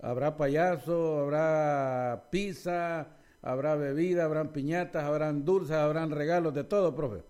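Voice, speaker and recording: A man whose voice is on the high side, smooth, and a little mellow speaks slightly slowly with fairly even intonation. Hosting a local radio show, he chats casually with his interviewees in a friendly, teasing way, calling them "profe" and "hermano."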